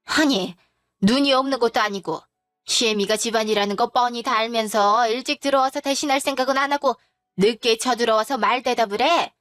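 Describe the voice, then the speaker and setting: A domineering, scolding older mother-in-law, put on by a woman storyteller. The voice sits high and the sound is dry and close. Soft music plays underneath. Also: brisk, no echo, close to an everyday voice. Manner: scolding, contemptuous tirades.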